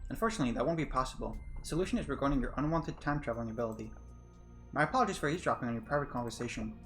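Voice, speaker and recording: A man's voice: medium pitch, animated, very fast, fairly bright tone, faint music behind, natural voice. A man voicing a polite undead male mastermind who speaks in formal, old-fashioned phrases. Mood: courteous. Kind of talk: voicing a game character.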